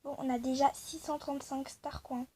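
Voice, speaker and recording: This is a young woman creating gaming videos, offering casual, rambling commentary on her game with many fillers. Her voice is high and level, at normal speed. Faint background noise can be heard.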